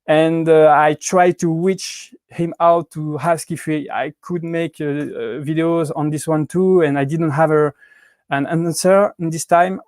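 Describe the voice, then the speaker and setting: A man in his thirties with a French accent hosts a casual livestream from home. His voice sits a little high for a man. He talks in halting bursts full of restarts and fillers, and the sound is dry and close. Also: fairly even intonation, a little mellow, no echo. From Switzerland. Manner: hesitant, many restarts and fillers, laughs often. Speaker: YouTube prop-making channel host. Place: indoors at home with cats.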